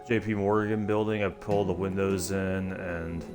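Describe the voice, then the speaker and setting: A man with a deep, slightly nasal and stuffy voice talks his way through a casual gaming livestream. He rambles loosely, stringing thoughts together with fillers and restarts. Music plays clearly behind him. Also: fairly even intonation, normal speed. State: stuffy from allergies. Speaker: streamer.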